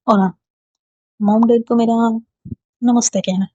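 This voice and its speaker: A woman's voice: fairly high pitch, steady tone, unhurried, warm tone, husky, no room sound, highs cut off. A woman voicing a playful, confident young woman in love, speaking in a teasing, tender way, in a storybook reading. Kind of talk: storybook dialogue read aloud.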